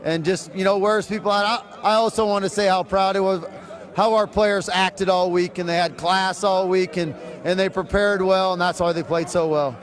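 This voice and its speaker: A man's voice: high-pitched, steady tone, moderate pace. A man, a football head coach, giving a plain-spoken, colloquial post-game interview outdoors on the field.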